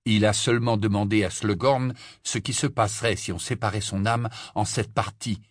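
A man voicing a steady teenage boy wizard who asks plain questions. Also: lowish voice, moderate pace, no echo, studio quality, lightly acted.

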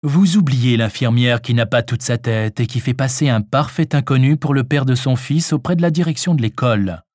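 A man reading an audiobook, voicing a sharp-tongued, sarcastic nurse who teases. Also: mid-range voice, moderate pace, no echo, studio quality, lightly acted. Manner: sarcastic, teasing.

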